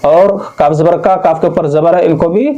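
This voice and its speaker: Male Quran tutor from Jharkhand, slightly high voice, spells letters patiently, lo-fi recording. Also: fairly even intonation, dark tone. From Jharkhand, India. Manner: spells out letters and vowels, then drawls each word slowly. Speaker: Quran teacher. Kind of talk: Quran reading lesson. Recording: dull lo-fi sound.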